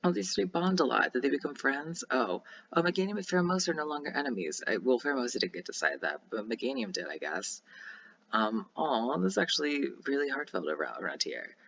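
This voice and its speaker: A young man casually commentating a game he plays, chatty and excitable, with many ums and restarts. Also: mid-range voice, quick pace, gravelly, breathy edge, lo-fi sound. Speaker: gaming YouTuber.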